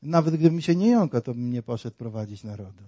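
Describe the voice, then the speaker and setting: A man's voice: mid-range voice, animated, fairly quick, dark tone. A man preaching a sermon, dramatic and full of rhetorical questions, acting out the voices in his story.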